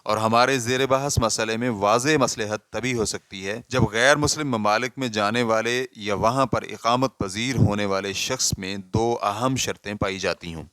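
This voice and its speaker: Man, low smooth voice, steady formal reading of a religious ruling, dry close sound. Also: dry recording. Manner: measured, even recitation with cited references.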